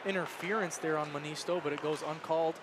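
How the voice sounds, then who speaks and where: A man's voice: on the high side, steady tone, quick pace. A man working as color commentator on a hockey game, talking through replays in a conversational way. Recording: live arena noise behind. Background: hockey arena ambience.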